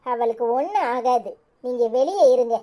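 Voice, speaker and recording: A woman voicing a calm elder sister who soothes and reassures in a lowered voice, with a Tirunelveli Tamil accent. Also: normal speed, natural voice. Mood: reassuring.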